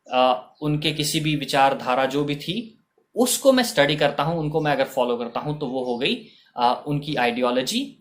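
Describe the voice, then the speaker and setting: A man with an Indian accent teaching vocabulary, slowly drawing out each word and repeating it, with "ok" between points. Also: fairly high pitch, fairly bright tone. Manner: slow, drawn-out spelling of each word. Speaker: language teacher. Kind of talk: bilingual vocabulary lesson.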